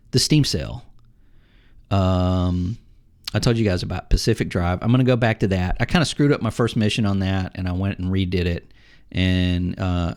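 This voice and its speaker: Middle-aged man rambling about games. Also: sits low. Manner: rambling, animated storytelling with acted-out quotes. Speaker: podcast co-host. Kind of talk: casual chat about video games.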